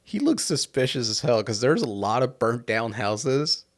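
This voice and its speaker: A man's voice: medium pitch, sing-song, moderate pace. A young man, hosting a podcast and telling rambling stories in casual chat. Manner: rambling storyteller, many restarts. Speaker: podcast host.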